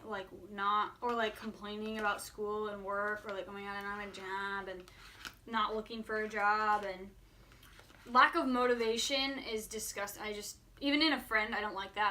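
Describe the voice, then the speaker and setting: A woman's voice: medium pitch, fairly even intonation, moderate pace, bright, forceful tone, a little hiss or hum. A woman of twenty-one talking casually and candidly to viewers, peppering her sentences with "like". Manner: candid, informal, filler-heavy with frequent "like". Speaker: vlogger answering viewer questions. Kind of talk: casual chat to camera.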